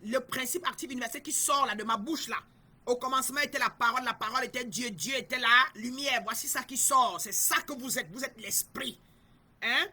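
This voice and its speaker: Husky-voiced woman preaching with emphatic repetition. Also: on the high side, a little fast, sharp tone. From Cameroon. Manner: emphatic, repetitive, addresses listeners directly. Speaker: spiritual guide. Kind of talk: spiritual teaching talk.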